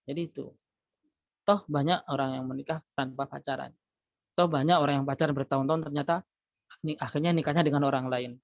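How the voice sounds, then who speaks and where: A man's voice: mid-range voice, fairly even intonation, a little fast, gravelly, pauses often, no room sound. A middle-aged man, a lecturer, giving a religious motivational talk to students over a video call, emphatic and preachy, with many rhetorical questions. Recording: dull lo-fi video call audio, dry.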